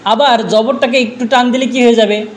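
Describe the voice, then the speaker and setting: High-voiced man drilling a class. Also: fairly even intonation, brisk. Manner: drilling with repeated questions. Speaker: teacher. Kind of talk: classroom grammar lesson.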